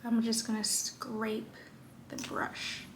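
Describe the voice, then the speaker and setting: Slightly high-pitched and completely flat in delivery, this young female lifestyle vlogger speaks slowly over a faint hiss or hum. She playfully chats through her everyday makeup at her vanity, with joking asides, in a casual tutorial.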